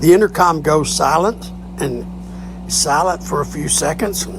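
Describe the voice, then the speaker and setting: A joke teller spinning short jokes in an unhurried storytelling way and acting out the punchlines. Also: medium pitch, gravelly, background noise. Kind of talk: telling jokes.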